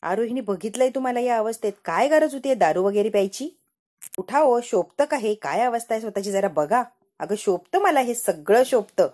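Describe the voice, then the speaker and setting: A woman's voice: fairly high pitch, animated, moderate pace, warm tone. A woman voicing an exasperated young wife scolding her husband.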